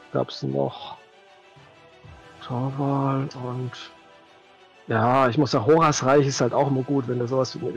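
A reflective middle-aged man with a gravelly edge and a mid-range voice chats casually as an interview guest; he's a tabletop game master. He's on a video call from a home room, using a headset, and the recording is muffled with faint music behind.

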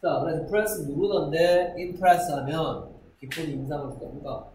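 A man's voice: fairly high pitch, measured pace, darkish tone, slight background noise. A middle-aged man teaching English vocabulary to a middle school class, repeating each word and asking rhetorical questions. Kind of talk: classroom lecture. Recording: echoey classroom with faint ambience.

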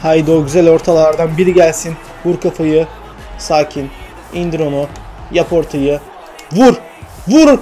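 A young man commentating his own football video game, urging his players on and shouting when chances come. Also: fairly high pitch, moderate pace, faint music behind. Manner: excitable, shouts at players, mutters to himself. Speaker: gaming channel host. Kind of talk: live gameplay commentary.

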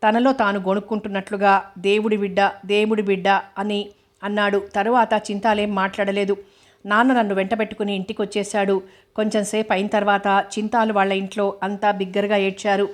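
Woman narrator for an audiobook novel: flat, level delivery, even pacing, unhurried storytelling. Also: mid-range voice. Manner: steady, even storytelling read.

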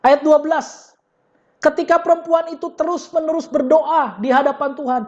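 A woman pastor preaching a conversational, animated sermon in a church and acting out the quotes she tells. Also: high voice, normal speed, muffled recording.

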